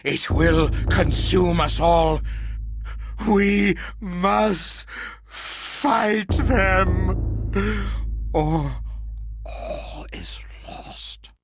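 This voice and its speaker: A man playing a half-mad male survivor in a horror monologue, lurching between hushed whispers, manic laughter and shouts. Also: high voice, extremely slow, pauses often, noisy background, full character voice. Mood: frantic. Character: half-mad male survivor raving about monstrous parasites.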